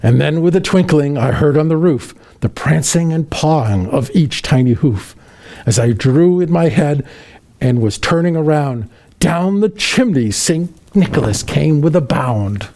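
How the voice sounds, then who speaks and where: A man voicing a kind, cheerful old Santa Claus tells a children's Christmas poem with warmth, taking his time and reading expressively. His pitch is on the high side.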